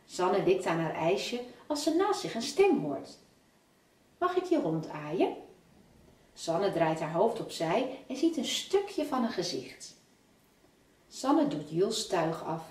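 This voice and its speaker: A children's author from the Netherlands, a woman reading a children's story aloud in a measured storyteller's way. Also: medium pitch, sing-song, darkish tone. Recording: roomy, from a distance.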